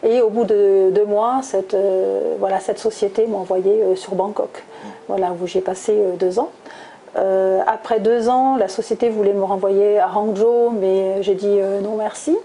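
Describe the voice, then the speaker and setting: A middle-aged woman from Toulouse speaks, her tone mellow and soft. She answers interview questions at an easy, thoughtful pace and pauses often on hesitations, with faint ambient noise behind her. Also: mid-range voice, fairly even intonation, poor audio. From France, southwest (Toulouse). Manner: thoughtful, many hesitations with "euh". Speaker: guest, recruiter.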